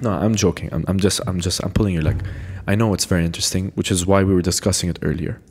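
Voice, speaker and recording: A man's voice: low voice, fairly even intonation, quick pace, a little mellow. A male podcast host chatting casually, teasing his guest and often stopping to restart his sentences. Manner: teasing, hesitant with many restarts. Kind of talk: casual interview chat. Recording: echoey room with long reverb.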